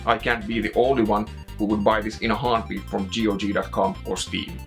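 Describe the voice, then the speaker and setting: A man's voice: fairly low pitch, level tone, a little fast, soft background music. A man with a Finnish accent reading a scripted video essay narration as the host of a game review show.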